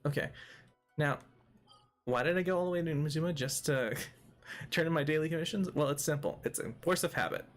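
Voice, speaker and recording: A man's voice: on the high side, brisk, pauses often, soft background music. Jokey man rambling through a game. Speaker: let's play host. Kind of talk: casual gameplay commentary.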